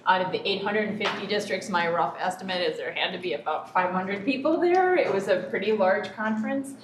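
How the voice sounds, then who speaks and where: A woman superintendent speaking at a board meeting, deliberate and full of pauses and ums. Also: medium pitch, lively intonation. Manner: hesitant, many ums, deliberate. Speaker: school superintendent. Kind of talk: public board meeting remarks. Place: echoey board meeting room. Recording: echoey room, distant mic, faint noise.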